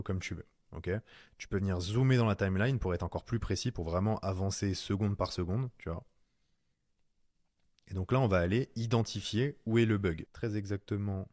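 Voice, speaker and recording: A man's voice: low-pitched, a little mellow, dry recording, clean studio sound. A man giving a casual screen-recorded tutorial in French, chatty and slangy, talking straight to the viewer as "tu". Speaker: online course instructor.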